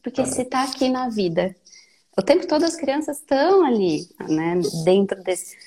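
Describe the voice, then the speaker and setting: A woman in her thirties speaking gently and thoughtfully in a reflective conversation, with many soft fillers. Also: fairly high pitch, very animated, normal speed.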